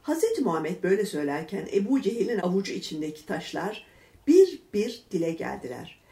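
Woman reading a religious tale, roomy echo. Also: lowish voice. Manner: measured, expressive reading with verse numbers read aloud. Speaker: reader. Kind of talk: narrated religious storybook reading. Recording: echoey room.

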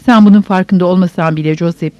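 A woman voicing a sharp-tongued, bossy older sister who scolds and nags sarcastically, in a dull, dry audiobook recording. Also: lowish voice, steady tone, fast talker, no echo, close to an everyday voice. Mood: scolding.

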